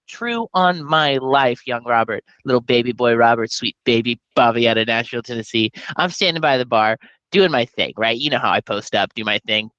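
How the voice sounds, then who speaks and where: A man from Texas co-hosting a podcast, telling animated, profane, jokey stories in casual chat. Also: fairly high pitch, no room sound, muffled recording. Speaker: podcast co-host.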